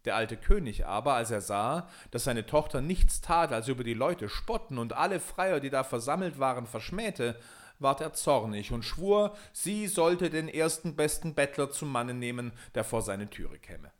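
Guy reading an old fairy tale, really animated pitch, expressive. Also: normal speed. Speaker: storyteller.

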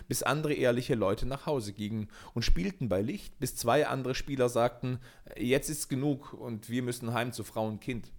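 A man reads a long fairy tale aloud at a measured, even pace. His voice sits at an ordinary middle pitch and shifts with the story. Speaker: narrator.

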